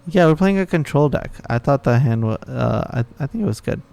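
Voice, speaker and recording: A man streaming a card game live, talking to himself and his viewers, swearing at bad luck and muttering quietly between outbursts. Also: mid-range voice, animated, a little fast, gravelly.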